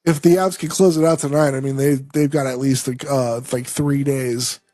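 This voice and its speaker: A man co-hosting a casual sports podcast, upbeat and joking, with quick reactions. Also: mid-range voice, steady tone, dark tone. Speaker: podcast co-host.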